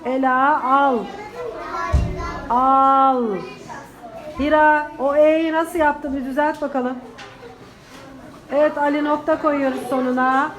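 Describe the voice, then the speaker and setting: In an indoor classroom, a female primary school teacher runs a dictation drill, reading out words and short phrases to young pupils, repeating them, and offering instructions and encouragement. Her high voice stays fairly even and slow, with long pauses.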